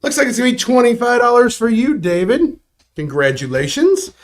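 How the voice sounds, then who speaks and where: A man's voice: very high-pitched, expressive, fairly quick. A man hosting a live bar prize giveaway show, jokey and upbeat, with chuckles and asides.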